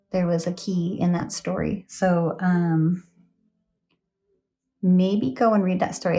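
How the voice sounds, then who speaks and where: A woman's voice: lowish voice, mellow. A woman giving a casual tarot reading late at night, chatty and rambling, with many fillers, and sounding tired. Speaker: tarot reader.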